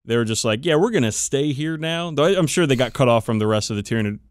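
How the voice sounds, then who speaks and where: A podcast host chats casually and enthusiastically about game lore, swearing emphatically as he explains it. His medium-pitched voice has lively intonation and a quick pace, and the recording is dry.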